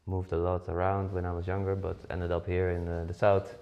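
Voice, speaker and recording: Over lo-fi sound, a deep, monotone voice moves at a brisk clip. It's a Dutch podcast co-host in his forties, casually chatting with frequent fillers and do-overs.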